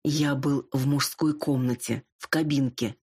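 A man's voice: on the high side, moderate pace, slightly rough. A woman reading the part of a nervous aging male singer who is a fox, talking in pleading, reluctant confessions. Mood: confiding.

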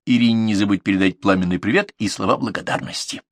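A man's voice: on the low side, fast, no room sound, clean studio sound, close to an everyday voice. A man voicing a defiant young male journalist who answers with cool, mocking composure.

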